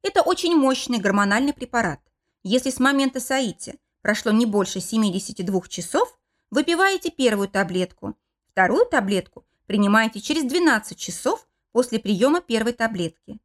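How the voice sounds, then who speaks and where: A woman's voice: a little high, big pitch swings, normal speed. A woman reading a businesslike pharmacist. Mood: instructive. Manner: instructive, businesslike explaining. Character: matter-of-fact female pharmacist. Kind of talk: audiobook character voice.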